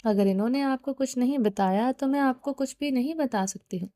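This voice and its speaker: A woman's voice: high voice, warm tone, natural voice. A woman reading the part of a scared, evasive young woman who pleads and refuses to answer.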